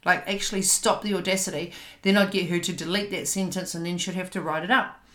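A woman's voice: lowish voice, steady tone, fairly quick, a bit bright. A woman hosting a podcast from home, talking candidly and often stopping to search for words. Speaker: podcast host. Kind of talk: casual chat. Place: home, on a couch. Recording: roomy echo.

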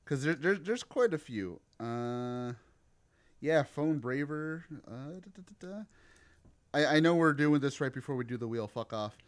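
A man's voice: a little high, expressive, moderate pace. A man, co-hosting a podcast in casual chat, teasing, laughing and swearing freely. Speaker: podcast co-host.

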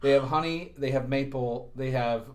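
A man's voice: mid-range voice, moderate pace. A man co-hosting a casual chat, telling rambling anecdotes with dry asides. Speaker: co-host. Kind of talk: casual chat about whiskey.

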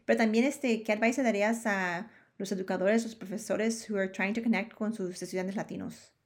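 A woman's voice: mid-range voice, steady tone, moderate pace. A woman hosting a podcast, asking a question hesitantly with fillers and English words mixed into her Spanish. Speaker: podcast host. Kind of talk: interview question.

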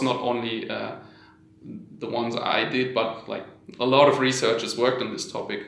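A man from Germany, a research scientist, explaining his field in a measured way as an interview guest. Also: medium pitch, creaky, a bit bright. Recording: roomy, echoing sound.

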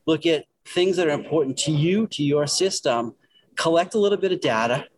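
A man's voice: on the high side, brisk, low-quality recording. A man with a Worcester, Massachusetts accent talking in a casual panel discussion and asking the others questions.

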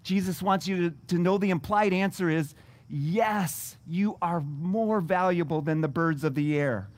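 A man's voice: high voice, measured pace, dry recording. A man preaching a sermon as a pastor, reading scripture and then explaining it earnestly, often restarting his words.

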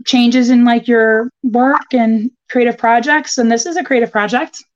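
A woman astrologer giving a casual horoscope reading, informal and halting as she thinks aloud. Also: on the high side, fairly even intonation, dull audio. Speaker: guest astrologer.

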